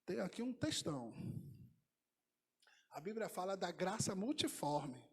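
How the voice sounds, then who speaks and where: A male pastor preaching in a church, swinging from hushed storytelling to shouted declarations. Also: sits high, very animated, measured pace, husky. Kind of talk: sermon. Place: church sanctuary.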